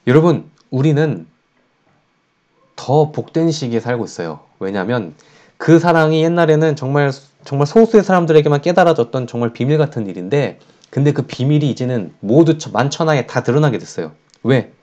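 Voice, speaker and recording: Animated Korean pastor preaching to children. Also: male voice, mid-range voice, fairly quick, lo-fi sound. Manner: animated, acts out voices of sinners and God in quotes. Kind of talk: children's sermon.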